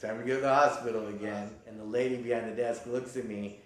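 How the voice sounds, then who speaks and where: A man's voice: mid-range voice, steady tone, quick pace. A man in his fifties, a pro skateboarder telling injury stories in an interview, laid-back and casual, swearing here and there. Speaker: professional skateboarder. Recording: very echoey room.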